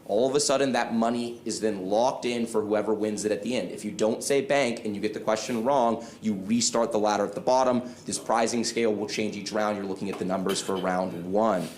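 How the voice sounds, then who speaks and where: A man hosting a live trivia game show on an event stage, upbeat and explaining the rules clearly. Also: fairly low pitch, steady tone, brisk, few pauses, a little mellow, reverberant, a little hiss or hum.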